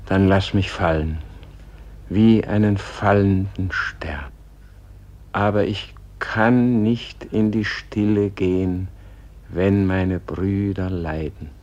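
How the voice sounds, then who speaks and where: An actor playing a dying, weary and pleading Gandhi in a solemn poetic radio play, grave and halting, with a husky, breathy voice. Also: male voice, sits low, fairly even intonation, a little mellow. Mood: pleading, defiant. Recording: dull, muffled old radio recording.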